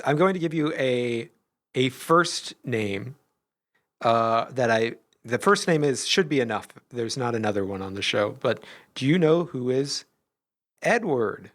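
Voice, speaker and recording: A man's voice: medium pitch, a bit bright. A man co-hosting a podcast, chatting casually, hesitant with many restarts and laughs. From Iowa. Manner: hesitant, restarts often, laughs while talking. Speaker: podcast co-host. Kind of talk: casual chat.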